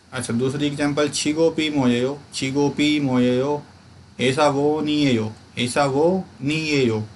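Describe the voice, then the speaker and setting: A man teaching a casual language lesson, explaining slowly and repeating each word aloud. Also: medium pitch, a little hiss or hum.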